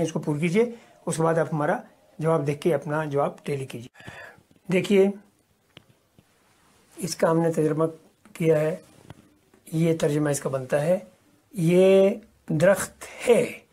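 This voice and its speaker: A man from Kashmir teaches a recorded Arabic lesson. He reads each example sentence slowly and deliberately, then speeds up to explain the exercise and how to check the answers. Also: sits high, a little mellow. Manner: explains at a quicker pace between examples.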